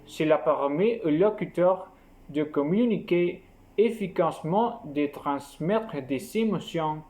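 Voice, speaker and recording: A man with a rather high voice reads a scripted lesson aloud. He takes his time, spacing out each phrase in a measured, explanatory way. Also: lively intonation, darkish tone. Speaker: teacher.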